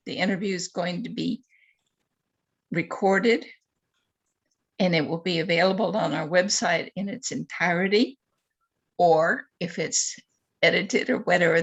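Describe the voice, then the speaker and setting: A woman's voice: lowish voice, slightly rough. A woman interviewing a candidate at a virtual forum, politely reading out questions with a few hesitant asides. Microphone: video call.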